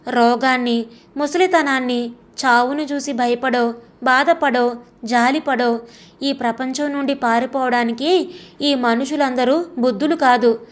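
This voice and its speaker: A woman narrating a scripted audio story in a calm, reflective reading voice. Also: high-pitched, measured pace.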